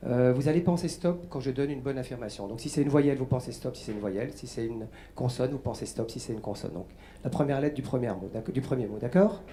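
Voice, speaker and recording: A male mentalist doing a live mind-reading act on a festival radio show. He speaks in a mellow, patient voice, coaxing a volunteer and spelling out letters. A faint hum of ambience runs behind him. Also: medium pitch, fast. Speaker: stage mentalist guest.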